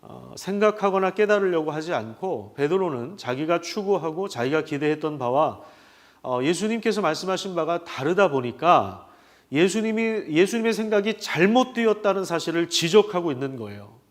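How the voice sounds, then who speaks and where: Male pastor, sermon delivery, somewhat high pitch, rhetorical questions, hesitant fillers. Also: expressive, normal speed.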